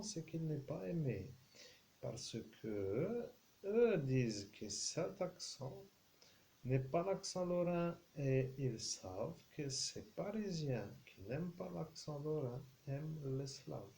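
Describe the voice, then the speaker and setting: A man's voice: a little high, gravelly, warm tone, slight background noise, rough recording. A man speaking as a self-styled medium, delivering a rambling channeled message that drifts between full voice, murmurs and whispers. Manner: meandering, slipping into murmurs and whispers.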